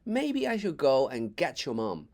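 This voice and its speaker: A man reading a storybook, voicing a bold, bossy young girl in a high teasing tone. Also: wildly swooping pitch, unhurried, a little mellow. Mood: worried.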